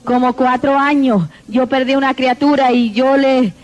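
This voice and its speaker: A woman's voice: high-pitched, steady tone, moderate pace. A woman giving a fervent church testimony, repeatedly calling out to the congregation. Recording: dull lo-fi recording.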